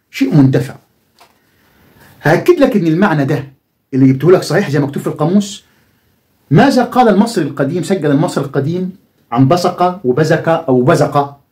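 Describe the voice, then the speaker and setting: A man's voice: a little high, a little mellow. A man with an Egyptian Arabic accent teaching a lesson, asking the viewer questions and answering them himself. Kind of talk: explanatory video lesson.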